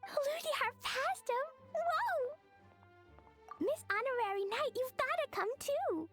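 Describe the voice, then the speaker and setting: Little girl, anime game: extremely high, childlike, excitable, light music behind. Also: heavily acted. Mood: excited. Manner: childlike, halting, emotional. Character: earnest, excitable, guilt-prone little girl. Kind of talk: anime-style video game acting.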